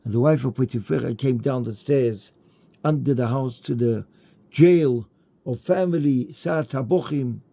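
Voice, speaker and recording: A man giving a Torah lecture in English mixed with Hebrew and Yiddish terms, emphatic, rising high on rhetorical questions. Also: measured pace, creaky, mellow.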